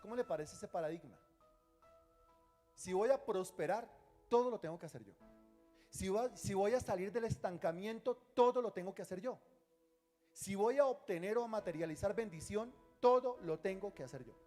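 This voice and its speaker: High-voiced, teasing pastor. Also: male voice, moderate pace, soft background music. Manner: lively, teasing, asks the congregation questions. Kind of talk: sermon.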